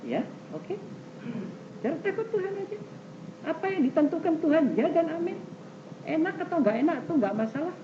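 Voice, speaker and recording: Animated older male pastor preaching. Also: a little fast. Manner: animated, swings between loud high exclamations and low soft asides; questions the congregation directly. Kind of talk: sermon. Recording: muffled old tape recording with faint hiss.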